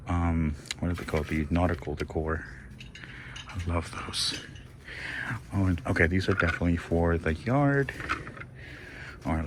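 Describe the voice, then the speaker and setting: A man with a very deep voice walks through a discount store, chatting into a handheld phone. He gushes and exclaims over everything, and faint store ambience hums behind him. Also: noisy background. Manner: gushing, excitable, exclaims and laughs often. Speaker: shopping vlog host. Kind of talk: casual shop-with-me walkthrough.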